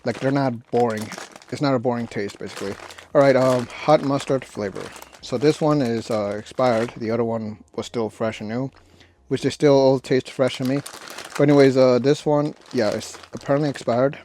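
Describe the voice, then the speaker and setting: Male snack reviewer, mid-pitched, casual and halting, with noise and crinkling bag rustle behind him. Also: fairly even intonation, a little mellow. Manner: rambling, halting delivery with self-corrections. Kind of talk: casual unscripted food review. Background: crinkling snack bags and clicks.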